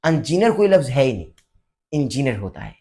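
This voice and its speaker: A man's voice: mid-range voice, big pitch swings, a little fast, mellow. A man speaking to camera in a preachy, repetitive way, issuing a challenge and urging someone to repent. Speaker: online religious commentator and vlogger. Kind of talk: direct-to-camera challenge vlog.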